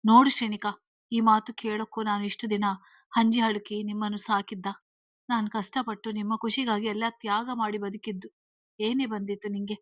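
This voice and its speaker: Wounded mother figure, reproachful, grieving, narrow pitch, dry recording, voiced by a woman. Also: flat delivery, moderate pace, dry recording, lightly acted. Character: hurt, bitter middle-aged mother.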